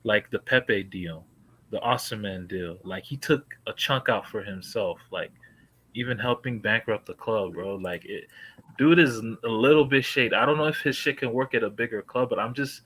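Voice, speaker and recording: A man's voice: fairly low pitch, moderate pace, fairly bright tone, poor audio. A man on a football podcast giving long, slangy takes full of "like" in casual chat. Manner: slangy, talks in long run-on takes with many "like"s. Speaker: podcast panelist.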